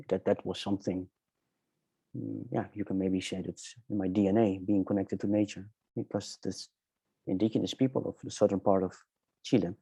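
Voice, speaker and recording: A middle-aged Dutch man with a Dutch accent, an interview guest, tells his personal story reflectively and haltingly, searching for words. His fairly low voice is creaky, mellow, and husky, in a dry recording.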